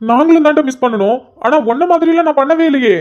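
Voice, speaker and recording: A cartoon figure of a wisecracking young man, played by a woman, mocking and exasperated. He talks fast in a very high voice, on slightly muffled lo-fi audio. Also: a little mellow, close to an everyday voice. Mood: teasing. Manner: mocking, exasperated, quick banter. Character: sarcastic teasing young married man, a joker. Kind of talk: cartoon voice acting.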